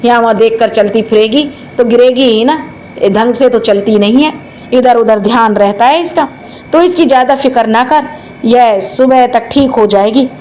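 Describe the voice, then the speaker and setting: A woman voicing a harsh, bossy older mother-in-law in a storybook tale, with a higher voice and a scornful manner. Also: normal speed, a little mellow, a little hiss or hum, lightly acted, rough recording. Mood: angry.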